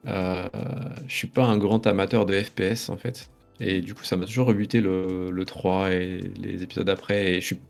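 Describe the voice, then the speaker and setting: A man in his late thirties, originally from France, chats as an interview guest. His voice sits low, with a gravelly, fried texture. He rambles and hesitates as he reminisces. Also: a little mellow. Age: 30s. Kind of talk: casual interview chat.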